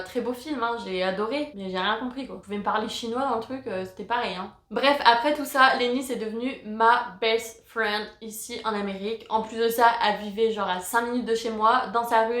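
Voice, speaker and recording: A woman's voice: a little high, fairly bright tone, roomy sound. A young woman from France in her twenties telling her story in a chatty, slangy vlog with lots of fillers. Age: 20s. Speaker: vlogger.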